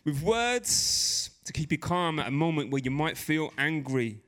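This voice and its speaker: A young man hosts a live poetry event, chummy and rambling, with asides as he hypes the audience between acts. His voice is fairly high and a bit bright, with big pitch swings and an unhurried pace.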